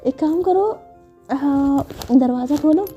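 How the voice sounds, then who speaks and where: A woman's voice: high-pitched, slow pace, dull audio, soft background music. A woman voicing a teasing, blunt young woman who snaps back at her partner in a spoken love story. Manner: teasing, sharp retorts.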